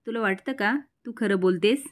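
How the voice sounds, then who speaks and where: A woman's voice: mid-range voice, normal speed, lightly acted. A woman voicing a stern, worried middle-aged aunt, reading her lines out plainly within a recap.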